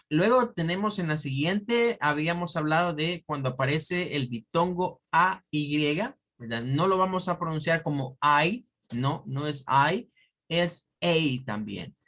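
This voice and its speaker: A man's voice: a little high, a bit bright. A man teaching an English pronunciation class, explaining patiently and often checking in with his students. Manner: explanatory, checks in with frequent tag questions. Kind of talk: online class lecture.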